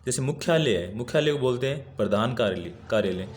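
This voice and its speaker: A man's voice: mid-range voice, animated, fast talker. A male teacher going through workbook answers, patiently repeating each word as he writes it and explaining.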